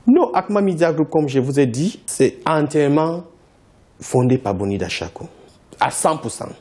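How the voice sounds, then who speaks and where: This is a company founder from Cameroon, a first-language English speaker, speaking at a moderate pace in a TV interview. His pitch is lively, and he insists on his points, repeating them.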